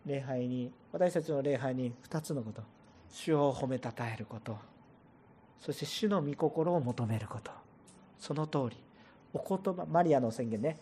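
A man preaching a sermon to a church congregation as pastor, animated and asking listeners rhetorical questions. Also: medium pitch, measured pace, slight background noise. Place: church service before a congregation.

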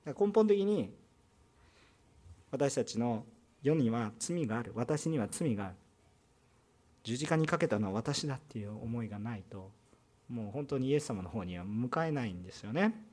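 A man with a Kansai Japanese accent preaches a sermon in a church. His pitch swings widely as he talks, and he keeps it conversational, using rhetorical questions and quick asides to the congregation. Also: animated, warm tone. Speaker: pastor.

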